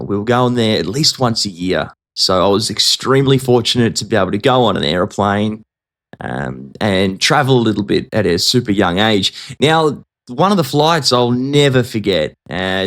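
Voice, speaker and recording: A man's voice: lowish voice, fairly bright tone. Chatty, joking male host in his thirties, casual solo podcast. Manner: jokey, chatty, self-deprecating.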